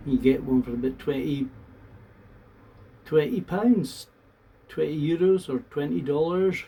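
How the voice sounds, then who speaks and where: A man from the talks to viewers in a casual, unhurried, plain-spoken and earnest monologue. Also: a little high, creaky, warm tone. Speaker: vlogger. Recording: distant mic, faint background noise.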